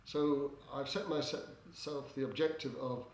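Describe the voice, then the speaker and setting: An older man answering interview questions as a theatre director, in a hesitant, halting way with droll, tongue-in-cheek humour. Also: mid-range voice, steady tone, a little mellow. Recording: echoey room with background noise.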